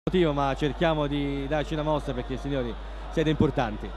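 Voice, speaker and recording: Male match analyst, high-pitched, commenting live over clear stadium noise. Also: steady tone, fairly quick. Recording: noisy stadium broadcast with crowd. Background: stadium crowd noise.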